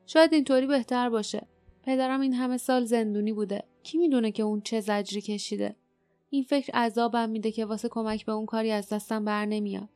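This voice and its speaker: A woman's voice: fairly high pitch, fairly even intonation, a little mellow, no room sound, faint music behind, lightly acted. Woman voicing Jasmine, a blunt sorrowful wild girl. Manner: blunt, clipped.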